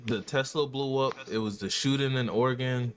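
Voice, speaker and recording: A man's voice: medium pitch, fairly even intonation, normal speed, a little hiss or hum. A man hosting a casual podcast chat, bringing up new topics and teasing the others.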